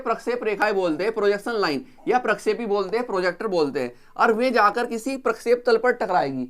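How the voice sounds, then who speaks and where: A man's voice: high-pitched, a bit bright. A man teaching engineering drawing, explaining each term and then repeating it, often asking the class what it is called before answering. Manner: repeats each term and asks rhetorical questions to drill it.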